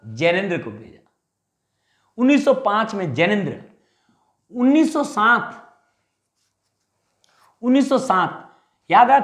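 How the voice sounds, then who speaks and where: A man teaching a Hindi exam class, drilling memory tricks with animated repeated questions and answers. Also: very high-pitched, gravelly, reverberant. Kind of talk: mnemonic lecture.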